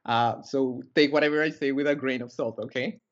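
A young man from Colombia is being interviewed over video call from a small indoor room, speaking through a headset. His medium-pitched voice has fairly even intonation and moves a little fast; he's earnest but full of fillers and restarts. The audio sounds dull.

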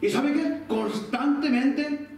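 A pastor takes his sermon slowly, his very high voice gravelly and a little mellow, as he speaks conversationally and acts out brief quoted family exchanges. He's captured in a church sanctuary by a distant mic in the echoey hall, with a little hiss or hum.

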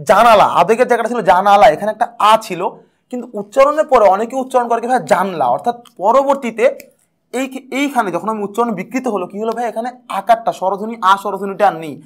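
A young man teaching an exam prep lesson, lively and playful, repeating key points. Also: high-pitched.

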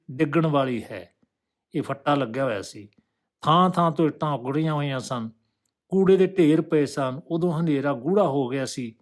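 A male storyteller reads a literary short story in a steady, measured way. His voice sits a little high for a man and carries the scenes at an even pace.

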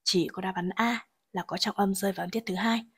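A woman teaching English grammar and pronunciation, explaining each exam answer and reading English sentences slowly before translating them. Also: mid-range voice, fairly even intonation, breathy edge.

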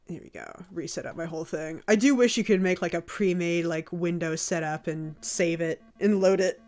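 A woman streamer giving casual, chatty commentary while she plays a game, reacting with quick exclamations. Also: on the low side, a little mellow, faint music behind.

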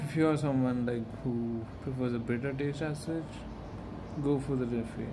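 A man giving a casual, unscripted review in a hesitant, halting way into a handheld phone indoors. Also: medium pitch. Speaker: amateur beer reviewer. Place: small room, indoors. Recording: clearly noisy handheld phone recording.

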